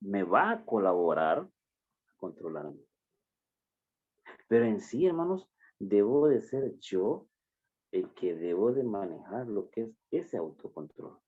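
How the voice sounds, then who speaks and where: A man preaching a sermon, addressing the congregation as brothers and stressing phrases slowly and emphatically. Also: on the low side, big pitch swings, breathy edge. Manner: slow, emphatic preaching with drawn-out words. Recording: dull lo-fi recording.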